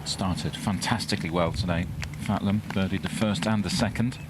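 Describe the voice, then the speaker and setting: A man with a deep voice commentates on golf for a live broadcast. He speaks in short, measured phrases as a golf commentator does, over clearly audible outdoor noise. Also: fairly even intonation.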